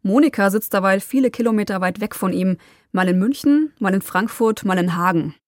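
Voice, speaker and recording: A woman narrating a documentary podcast as its host, in a calm storytelling manner with occasional personal asides. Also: medium pitch, a little fast, dry recording, clean studio sound.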